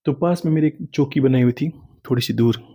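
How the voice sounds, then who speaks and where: A man, a spiritual teacher, giving a calm spiritual discourse that tells stories and answers followers' questions. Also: mid-range voice, a little fast, no echo, studio quality.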